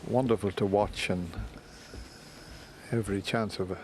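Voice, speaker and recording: A man provides live snooker commentary in a fairly low voice. He sounds conversational and appreciative of the play, over slight background noise. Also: fairly even intonation, normal speed, darkish tone.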